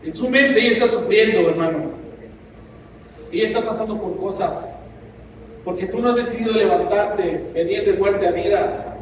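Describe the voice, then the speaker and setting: A man's voice: sits high, moderate pace, long pauses, slight background noise. A man preaching a sermon as pastor, impassioned and mixing in asides. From Mexico. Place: church. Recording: echoey church hall from a distance.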